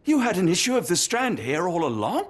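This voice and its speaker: An actor playing a courteous, patient doctor, a loyal companion to a detective in a video game, polite and tactful. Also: male voice, high voice, wildly swooping pitch, a little fast, slightly rough, exaggerated voice. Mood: reassuring. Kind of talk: video game cutscene acting.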